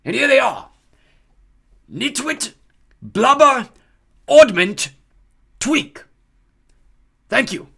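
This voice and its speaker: A man's voice: very high voice, big pitch swings, extremely slow, creaky, long pauses, a bit bright, slightly rough, voice pushed up, exaggerated voice. A man voicing an elderly, eccentric headmaster wizard making grand, whimsical pronouncements.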